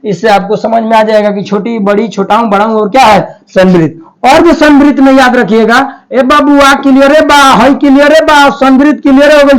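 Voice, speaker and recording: High-voiced folksy male teacher. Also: rough recording. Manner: folksy, playful, drops into Bhojpuri-flavored dialect with quiz-style questions. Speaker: Hindi grammar teacher. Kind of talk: exam-prep lesson.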